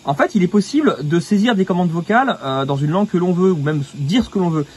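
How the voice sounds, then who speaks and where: A man hosting a casual product review, chatty and quick to laugh, with lots of fillers. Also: sits high, animated, breathy edge. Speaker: host testing equipment.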